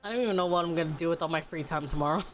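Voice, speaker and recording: A woman's voice: deep voice, very fast, faint music behind. A woman streamer chatting casually while gaming, ranting with lots of swearing and frequent laughter. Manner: foul-mouthed, ranting, laughs often.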